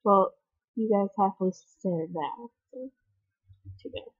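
A woman's voice: mid-range voice, slow, slightly rough, no echo. A young woman vlogging in a casual chat, bubbly and rambling, with giggly, dramatic quoted asides. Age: young adult. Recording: dull lo-fi webcam audio.

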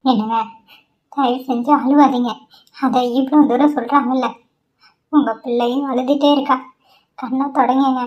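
A woman plays an anxious village wife in a cartoon, explaining urgently in a high voice. The recording sounds dull and lo-fi. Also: fairly even intonation, normal speed, pauses often, natural voice. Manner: earnest, explaining. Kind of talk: Tamil cartoon voice acting. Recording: dull lo-fi audio.

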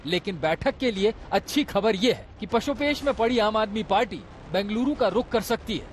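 A man's voice: high-pitched, a little hiss or hum. A male television news reporter reading a formal scripted voice-over report. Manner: brisk formal news delivery.

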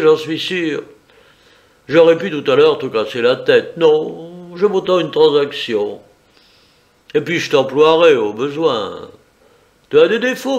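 Brief: male reader voicing a cocky gentleman thief, pitched up, bargaining slowly with a rasp. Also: highs cut off. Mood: boastful. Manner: teasing, confident, bargaining. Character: suave, mocking gentleman thief, adult man.

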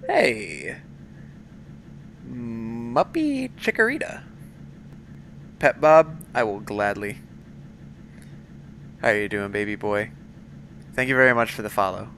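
A man's voice: mid-range voice, sing-song, slow pace, gravelly, pauses often, a bit bright, slight background noise. A man giving chatty live-stream commentary while playing a video game, talking to his viewers and his pet between moments of play.

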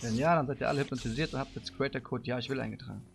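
A man live-streaming a game, chatting with viewers in street slang and giving them playful orders, breaking into loud shouts. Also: medium pitch, racing, gravelly, soft background music. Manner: bossy playful commands to viewers; street slang, calls people bro. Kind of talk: live-stream gameplay chat.

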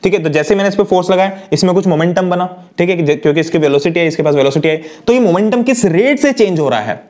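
A young man giving a lively, chatty lecture, often putting questions to his students as he teaches. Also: sits high, fast talker. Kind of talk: energetic one-shot lecture.

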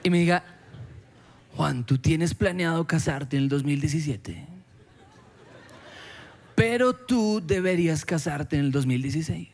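A man preaching a sermon in a church, lively and animated, slipping into quoted voices and dialogue with sudden jumps in pitch. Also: a little slow, pauses often, slight background noise.

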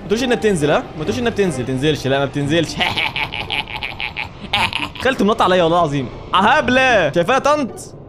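A man's voice: sits high, sing-song, racing, pauses often, over music. A young man with an Egyptian accent commenting on a horror mobile game as a YouTuber, joking, swearing often and startling easily. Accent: Egyptian Arabic. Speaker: gaming YouTuber.

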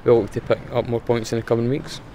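Quick-paced and mellow, the young man's medium-pitched voice stays level as he gives a matter-of-fact post-match interview. He's a Scottish footballer speaking outdoors by a sponsor board, filling his answers with frequent fillers, and a faint hiss or hum can be heard.

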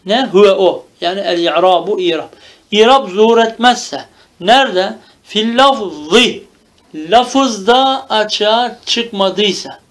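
A man teaches a grammar lesson in a high, light voice. He asks his own questions and answers them, going over each term again and again. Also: takes it slowly. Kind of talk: lecture.

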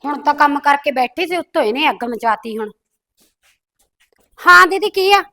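A woman's voice: high-pitched, animated, moderate pace, bright, forceful tone, no echo, studio quality, exaggerated voice. A woman playing a defensive young sister-in-law who complains that she does all the housework. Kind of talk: comedy skit acting.

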